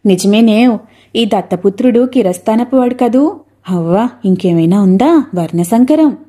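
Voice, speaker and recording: A spiteful older village woman who hurls scornful taunts, voiced by a woman reader. The voice is slightly high and mellow. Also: expressive, normal speed, husky.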